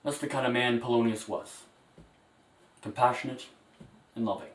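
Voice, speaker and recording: A man's voice: mid-range voice, normal speed, natural voice. A grieving king posing as a modern president delivers an earnest eulogy, played by a man. The voice sits in a middle range and sounds echoey, as if recorded from across a room. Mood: solemn. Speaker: speaker giving a eulogy. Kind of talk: amateur parody speech. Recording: echoey room, mic far off.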